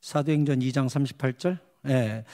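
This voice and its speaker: A man's voice: mid-range voice, moderate pace. A man preaching a revival sermon as pastor, telling stories animatedly and acting out the voices of the people in them. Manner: animated, acts out quoted voices. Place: church sanctuary. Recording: long church hall reverb.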